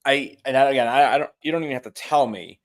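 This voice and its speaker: A man's voice: mid-range voice, fast. Man musing tentatively on a live review. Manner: tentative, thinks aloud. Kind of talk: casual live review chat.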